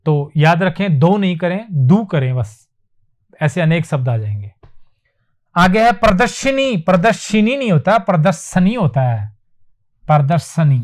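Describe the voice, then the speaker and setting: Male teacher, high voice, lecturing at a board; drills each word, asks and answers his own questions. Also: sing-song, a little mellow. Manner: repeats words slowly for emphasis, asks and answers himself. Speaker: Hindi teacher. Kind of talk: classroom lecture on spelling. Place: classroom with whiteboard.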